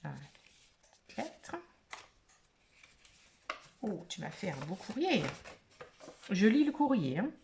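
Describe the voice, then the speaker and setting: A woman vlogger chats casually to camera while unboxing craft mail. Her voice sits at a middling pitch, and she gushes in quick exclamations with plenty of small fillers. A faint noise runs under the recording. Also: big pitch swings, vocal fry, darkish tone. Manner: gushing, exclamatory, full of little fillers.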